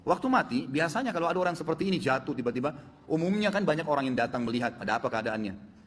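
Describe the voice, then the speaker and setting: A man preaching a sermon, telling a story in a lively way and acting out the dialogue of its characters. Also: racing, big-room sound, slight background noise. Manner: animated storytelling, acting out dialogue with rising pitch.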